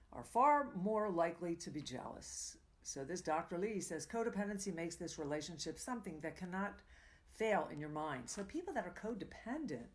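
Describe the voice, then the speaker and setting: Philly lady coach talking fast on a livestream, kinda low voice, rambles and restarts a lot. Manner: fast, rambling, with self-corrections and quoted readings. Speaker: tantra coach. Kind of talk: live-streamed coaching talk.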